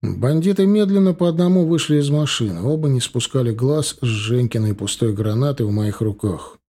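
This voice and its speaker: A man narrating a first-person audiobook with a brisk, tough-guy delivery. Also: mid-range voice, animated, dark tone.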